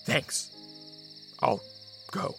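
A man's voice: drawn-out words, sharp tone, soft background music. A man playing a polite, wary vampire count in a radio drama, hesitant and apologetic. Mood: guarded.

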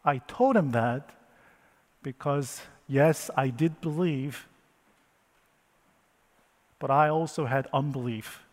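Slow emotional storyteller in an echoing hall. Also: male voice, medium pitch. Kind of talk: first-person dramatic retelling of a Bible story.

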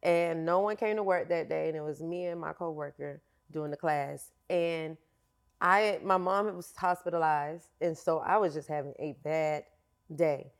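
A woman's voice: sits low, steady tone, a little slow. A woman fitness instructor telling her story in a candid, slangy, casual interview.

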